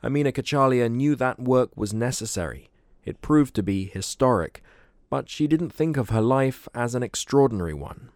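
A man narrating a scripted news report as a radio reporter, in a smooth, even delivery. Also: mid-range voice, normal speed, no echo, clean studio sound.

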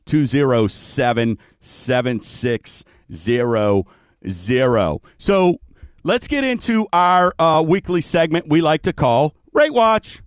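Higher-pitched male radio host, folksy. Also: expressive, slow, no room sound, studio quality. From New Orleans. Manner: folksy, chatty direct address. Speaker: radio show host, mortgage professional. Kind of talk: radio talk and sponsor reads.

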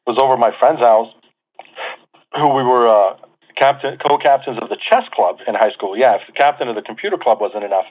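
A man's voice: mid-range voice, lively intonation, fairly quick. A man in his forties, born in Lebanon, telling his life story as an interview guest in a chatty, self-deprecating way with many fillers. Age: 40s. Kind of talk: casual interview talk. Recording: tinny phone-like line.

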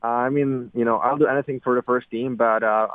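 A man's voice: medium pitch, fairly even intonation, no room sound. Young Czech-accented man over the phone. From Czech Republic. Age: young adult. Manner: halting, filler-heavy non-native English. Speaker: guest athlete. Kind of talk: call-in radio interview. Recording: dry tinny phone line.

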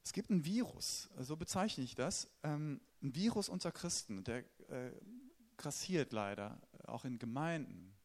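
A man's voice: mid-range voice, expressive, measured pace, darkish tone. A man preaching a sermon in a conversational way, asking the congregation questions and talking to them directly.

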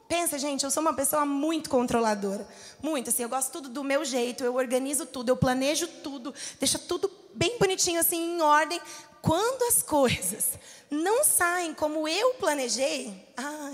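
Woman, thirties, Brazilian Portuguese accent, high voice, chatty storytelling sermon, church, long hall echo. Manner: conversational, storytelling with acted-out quotes. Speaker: church speaker.

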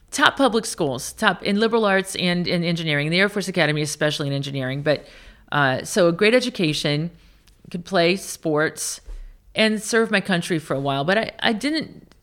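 A senior military officer from Iowa, a woman in her late fifties, tells candid anecdotes in a conversational interview, often restarting her sentences in bursts. Her voice is low-pitched and a bit bright.

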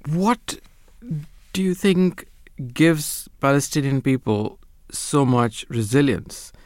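A man's voice: mid-range voice, lively intonation, slow, a little mellow, no room sound, clean studio sound. A male radio presenter asking interview questions in a hesitant way, stumbling over his words.

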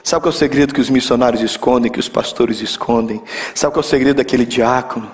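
A man preaching a sermon, swinging between loud, high exclamations and low, intimate asides. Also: fairly even intonation, fast. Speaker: pastor.

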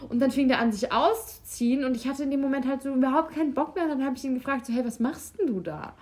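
Junge Frau, locker und offen plaudernd. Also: female voice, high voice, fairly even intonation, racing, a little mellow. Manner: candid, laughing, acts out quotes. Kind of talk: casual chat.

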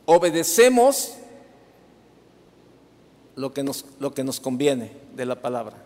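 A man's voice: medium pitch, big pitch swings, takes it slowly, darkish tone. A middle-aged man with a Mexican accent preaching a sermon, telling a story with many restarts and asides to the congregation. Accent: Mexican Spanish. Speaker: pastor. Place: church hall. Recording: reverberant church hall.

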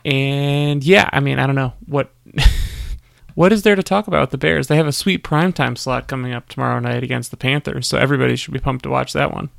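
Creaky-voiced, wry male podcast co-host. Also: mid-range voice, fairly even intonation, brisk, no echo, clean studio sound. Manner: laughs often, wry. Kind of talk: casual chat.

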